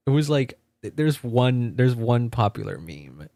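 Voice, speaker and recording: A man's voice: mid-range voice, sing-song, a little slow, warm tone, no echo. A man whose first language is Spanish, chatting casually on a livestream, laughing often, repeating words and reading chat. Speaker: streamer.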